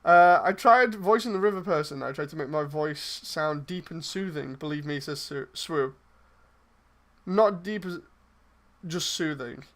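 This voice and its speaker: A man with a fairly high, slightly bright voice talks at an unhurried pace while answering messages on a livestream. He's a streamer and project lead casting voice roles, and his casual chat rambles and hesitates, often trailing off before a thought is finished.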